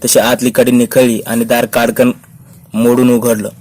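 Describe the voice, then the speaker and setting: A man reading a historical novel aloud in a steady, unvaried narration. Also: medium pitch, moderate pace. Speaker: reader.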